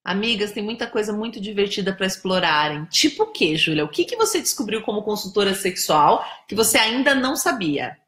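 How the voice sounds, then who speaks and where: Teasing, bright-voiced Brazilian woman host. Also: medium pitch, sing-song, fairly quick, few pauses, roomy sound. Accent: Brazilian Portuguese. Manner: chatty, teasing, greets viewers by name. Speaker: live stream host. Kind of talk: casual live chat with viewers. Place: indoors, home in São Paulo.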